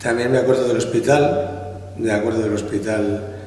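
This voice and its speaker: A man's voice: fairly low pitch, normal speed, darkish tone. A middle-aged man from Spain, an army colonel answering interview questions in a hesitant, reminiscing way with frequent restarts. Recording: echoey hall, distant from the mic.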